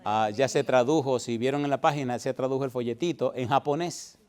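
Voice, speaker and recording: A middle-aged man preaching a sermon in an ordinary mid-pitched voice. He keeps asking the congregation the same questions over and over. At times he swells into loud, high, emphatic stretches. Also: a little fast. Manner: repeated rhetorical questions to congregation. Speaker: pastor.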